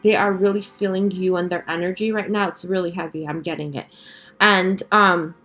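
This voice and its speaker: A woman doing a casual, channeled tarot reading as a spiritual guide, speaking in a halting, reflective, reassuring way and often checking in with the listener. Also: on the low side, fairly even intonation, fairly bright tone, soft background music.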